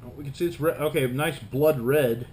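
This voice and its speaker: A man in his thirties reviewing sour candy as he eats it, talking casually with hesitant pauses in a small room at home. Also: mid-range voice, a little mellow. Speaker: candy reviewer, video host. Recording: room noise, home camera recording.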